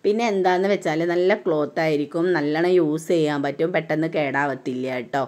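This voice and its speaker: A low-voiced Kerala woman, a vlogger touring a big indoor mall with her daughter, chats easily in Malayalam-accented speech, tagging sentences with a soft "tto." She films on a phone as she walks, her intonation fairly even and pace brisk, and the open sound of a busy store is audible.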